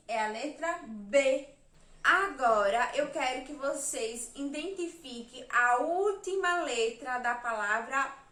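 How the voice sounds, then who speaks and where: A woman teacher from Brazil giving a remote lesson to young children, counting letters and syllables slowly and patiently. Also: high voice, sharp tone, reverberant.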